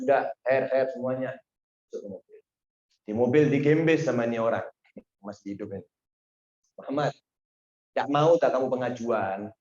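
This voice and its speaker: Male preacher, storytelling sermon, middle pitch, echoey hall sound, muffled audio. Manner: animated, acts out dialogue with sudden high exclamations. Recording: dull, roomy lo-fi recording.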